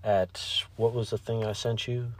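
A man's voice: lowish voice, flat delivery, a little slow. A man hosting a podcast, chatting casually and rambling, with offhand swearing. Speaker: podcast host.

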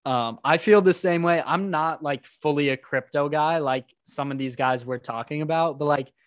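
A man's voice: a little high, moderate pace, no room sound. Easygoing young guy, dry close sound. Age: young adult. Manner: easygoing, hedging, "like"-filled. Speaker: podcast guest. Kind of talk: casual chat.

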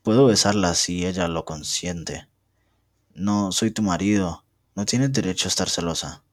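A man's voice: deep voice, unhurried, no room sound, studio quality. A young man reading aloud as a bitter, vengeful man who speaks in resentful threats. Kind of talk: amateur reading of a novel.

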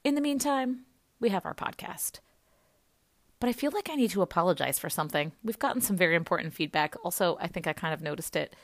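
Woman, podcast co-host, loud voice, upbeat chatty delivery, lowish pitch, dry sound. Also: lively intonation, quick pace, no echo. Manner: chatty, upbeat, many fillers. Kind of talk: casual chat.

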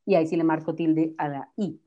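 A woman speaks as a guest teacher. She explains spelling rules patiently and gives examples. Her voice is fairly low for a woman and has a soft, mellow tone. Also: fairly even intonation, fairly quick, muffled recording. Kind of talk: explanatory casual talk.

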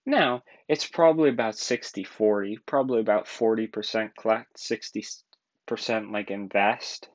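Young Irish man, low, lo-fi podcast. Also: moderate pace. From Ireland. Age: 20s. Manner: rambling, casual, laughs often. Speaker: podcast host. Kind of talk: solo podcast monologue.

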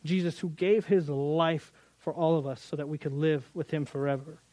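A man's voice: a little high, fairly even intonation, normal speed, warm tone, no echo. A man teaching through a Bible passage in earnest, often repeating words as he builds emphasis.

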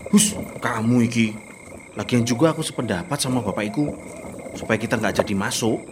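A man's voice: medium pitch, noisy background, natural voice. An actor playing a cautious young man, reluctant and nervous, in a radio drama. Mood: uneasy. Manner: nervous, reluctant, fast comebacks.

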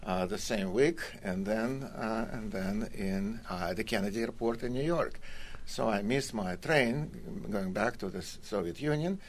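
An older Russian man with a Russian accent, a college academic appearing as a guest, tells his life story in an interview. His voice is on the low side and unhurried, with a slight hiss or hum, and his telling is hesitant and conversational with dry, wry humour.

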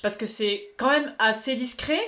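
A woman's voice: fairly high pitch, measured pace, bright, forceful tone. Blunt young woman, sarcastic chat. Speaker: podcast co-host. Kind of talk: casual chat.

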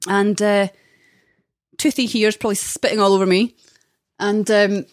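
A woman's voice: mid-range voice, steady tone, normal speed, no room sound, studio quality. A young woman, a podcast guest, chatting candidly and telling dating stories with plenty of laughter. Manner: candid, chatty storyteller who laughs often.

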